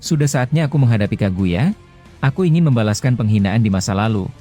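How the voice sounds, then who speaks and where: An arrogant, taunting ninja warrior, read by a male narrator in an anime fan story. His menace comes in a low, dark, mellow voice over faint music. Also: expressive, fast. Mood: menacing.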